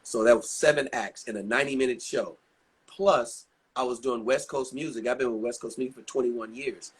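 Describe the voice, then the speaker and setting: A husky-voiced man in his sixties talks as an interview guest. He rambles through anecdotes in a casual, chatty way with many asides. His pitch sits in a middle range for a man. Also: a little fast. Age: 60s. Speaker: guest singer.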